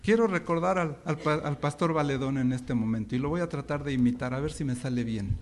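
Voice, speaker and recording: A man's voice: medium pitch, fairly quick. A male pastor delivering an interactive sermon in a church over a microphone, leading the congregation in call-and-response.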